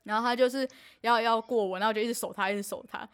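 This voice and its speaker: A young woman, co-hosting a podcast and telling a story in casual chat, animated and laughing often. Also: fairly high pitch, rapid-fire. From Taiwan. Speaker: podcast co-host.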